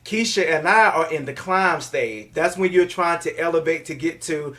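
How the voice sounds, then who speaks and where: A man's voice: fairly high pitch, moderate pace, pushed and bright. Upbeat man hosting a live stream. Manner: upbeat, chatty, loose with fillers. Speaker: live show host.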